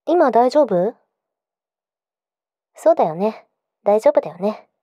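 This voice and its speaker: A woman's voice: a little high, animated, slow, mellow, no room sound. A woman playing a clingy, possessive yandere girlfriend in an intimate pillow-talk role-play, coaxing and insistent. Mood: sweet, clingy.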